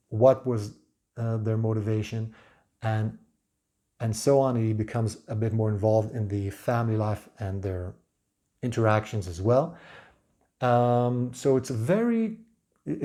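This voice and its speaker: Mellow-voiced man giving an unscripted book review. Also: medium pitch. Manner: hesitant, measured, pausing mid-phrase.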